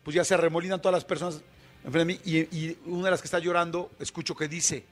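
A man with a Mexican Spanish accent, a radio guest telling a story in a colloquial, animated way with many fillers. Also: a little high, fast.

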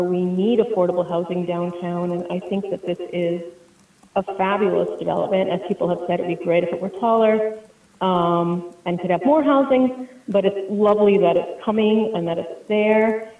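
A woman calling in by phone to give public comment at a city meeting, talking earnestly and upbeat with frequent pauses. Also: lowish voice. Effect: phone-in caller heard over a phone line. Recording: tinny phone line, echoey and distant.

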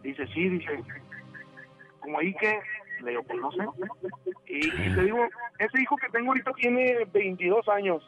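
A man in his forties rambles through a ghost story as a radio caller. He stumbles and restarts often. His fairly high voice comes through a thin, tinny phone line with faint music behind it. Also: normal speed, long pauses. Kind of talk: telling a ghost story on a call-in show. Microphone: telephone.

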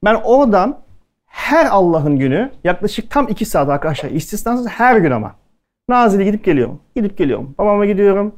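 A man with a high voice and big pitch swings talks briskly at a culinary event. Chatty and casual, he tells stories to the audience and acts out the lines of the people in them.

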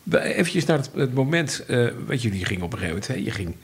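Gravelly interviewer. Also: male voice, medium pitch, big pitch swings, fast. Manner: short affirmations and leading questions. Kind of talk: conversational interview.

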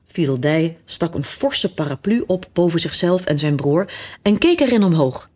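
A woman reading a children's storybook aloud, with expressive, lively narration. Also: lowish voice, normal speed.

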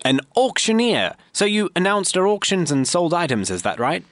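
Deadpan, lively-pitched comedy show host. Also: male voice, normal speed, no room sound. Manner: deadpan, mock-formal announcer. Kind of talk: scripted comedy radio hosting.

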